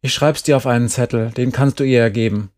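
A man reading an audiobook and voicing a blunt, bitter teenage girl who talks in a flat, cutting way. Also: mid-range voice, a little fast, natural voice. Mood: cold.

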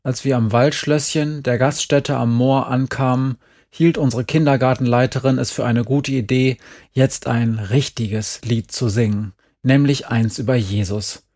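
A man's voice: mid-range voice, steady tone, measured pace, darkish tone. A man reading a first-person story aloud in a dry, understated way. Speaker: narrator.

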